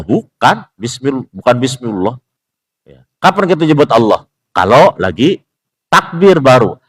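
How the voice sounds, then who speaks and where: Low-voiced man teaching in a mosque. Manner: joking, asks the audience rhetorical questions; acts out pronunciations, repeating words slowly. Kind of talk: casual religious lesson. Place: mosque at dawn study session.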